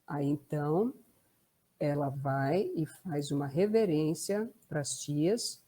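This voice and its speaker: Brazilian woman therapist, warm mellow tone, chatty explanatory talk. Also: sits low, animated, takes it slowly. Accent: Brazilian Portuguese. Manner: conversational, tag questions. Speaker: family constellation therapist.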